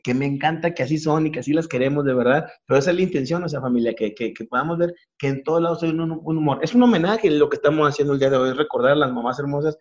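A man in his forties with a Mexican accent, hosting a comedic casual chat with rapid, slangy, joking delivery. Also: on the high side. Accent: Mexican Spanish. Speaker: host. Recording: dull lo-fi audio.

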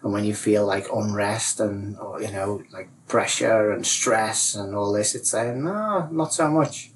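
A man's voice: fairly low pitch, unhurried. A man guest in a casual chat, explaining ideas with lots of fillers and acting out inner voices in raised tones. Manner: animated, acts out inner voices, many "like, you know" fillers. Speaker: guest, self-realisation coach. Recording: distant mic with faint room noise.

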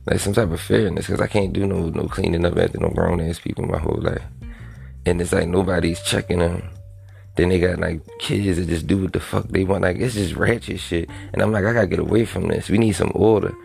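A man's voice: low voice, fairly even intonation, a little fast, creaky, a little mellow, soft background music. A man ranting bluntly and profanely in a casual monologue.

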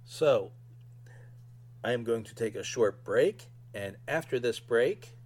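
A man's voice: medium pitch, expressive, slow pace, darkish tone. A man casually giving his own fan review as a solo podcast host.

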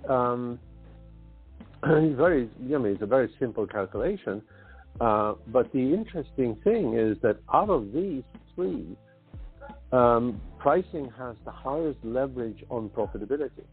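A middle-aged man from Sweden, a pricing consultant guest on a podcast, speaking hesitantly with many restarts and throat-clearing. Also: medium pitch, expressive, unhurried, faint music behind. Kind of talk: podcast interview. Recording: tinny phone line.

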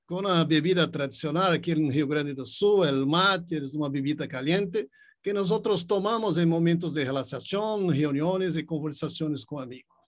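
A man's voice: a little high, normal speed. A middle-aged man with a Brazilian accent, a native Portuguese speaker, talking as a guest in a conversational interview. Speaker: podcast guest, economics academic.

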